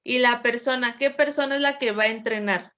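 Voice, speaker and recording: A woman teacher leads a grammar lesson, her voice sitting a little high. She patiently drills verb forms and prompts the class to answer back. The recording is dull and lo-fi. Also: fairly even intonation, a little fast, pushed and bright. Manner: patient, drills conjugations with call-and-response.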